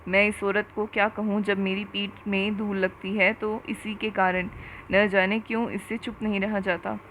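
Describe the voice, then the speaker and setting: A woman's voice: mid-range voice, flat delivery, moderate pace, a bit bright, slight background noise, close to an everyday voice. A woman reading a story aloud and voicing a restrained, weary middle-aged farmer who speaks curtly. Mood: weary stern. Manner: curt, scolding.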